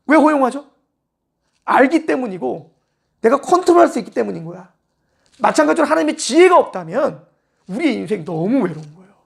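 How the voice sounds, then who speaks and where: Man, pastor, church sermon, husky rasp, conversational delivery with acted-out quotes. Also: extremely high pitch, big pitch swings, brisk, long pauses. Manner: conversational preaching, mixing casual and polite speech, acting out quotes.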